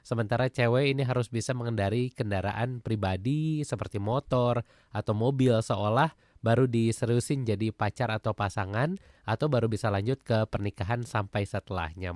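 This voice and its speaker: A man's voice: on the low side, normal speed, a little mellow, dry recording, studio quality. A man hosting a radio talk show who reads out a listener's question and asks the guest for her view. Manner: brief backchannels, reads listener question aloud. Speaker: radio host.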